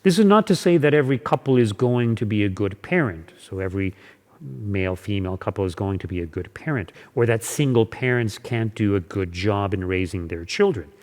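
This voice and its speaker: A man, a parish priest raised in Canada after being born in Hungary, giving a Sunday homily in measured preaching style that slows down on key words. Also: lowish voice, expressive, darkish tone. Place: church. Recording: long church reverb.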